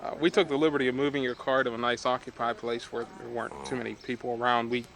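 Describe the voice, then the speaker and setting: A young man who talks fast in a mid-range voice, bluffing matter-of-factly in a comic improvised interview. Crowd chatter runs behind him. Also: medium pitch, level tone, creaky. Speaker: mock interviewee.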